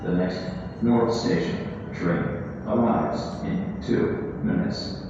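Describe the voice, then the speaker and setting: Brief: low, very slow male announcer on a station loudspeaker, heard from far off in an echoey, long-reverb hall, muffled and noisy. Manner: measured, even announcing. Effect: station public-address loudspeaker. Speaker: automated train announcer. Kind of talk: recorded transit announcements. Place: underground train station.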